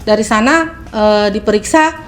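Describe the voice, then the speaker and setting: A woman's voice: medium pitch, measured pace, a little hiss or hum. A woman giving testimony, retelling events step by step in a plain way. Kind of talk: personal testimony.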